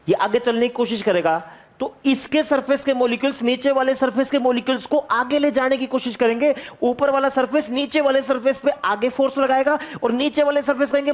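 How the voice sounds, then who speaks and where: A man teaching physics to a class. He repeats key phrases, keeps asking his students questions and calls on them by name. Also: extremely high pitch. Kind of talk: energetic classroom lecture.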